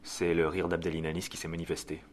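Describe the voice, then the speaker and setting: A man playing the measured first-person narrator of an audio drama, reading scripted narration. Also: low-pitched, completely flat delivery, lightly acted. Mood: measured, hushed. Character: grave, measured male first-person storyteller.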